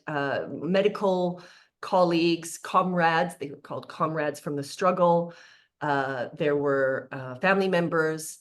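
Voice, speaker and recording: Low-voiced woman, chatty. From Canada (born in South Africa). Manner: chatty and earnest, with frequent "like" and "um" asides. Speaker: leadership speaker. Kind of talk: informal talk to a group.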